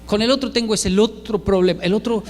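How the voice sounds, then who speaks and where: A man delivers a comic storytelling monologue and acts out every voice in it. His voice is high and carries a long hall reverb. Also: fast talker, slight background noise. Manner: animated, acts out dialogue.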